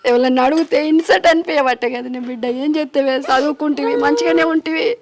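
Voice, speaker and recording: A woman's voice: sits high, fairly even intonation, quick pace, noisy background. An actress with a Telangana Telugu accent playing a grieving rural mother who keeps pleading with her daughter in a lamenting way. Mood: tearful. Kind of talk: village short film acting.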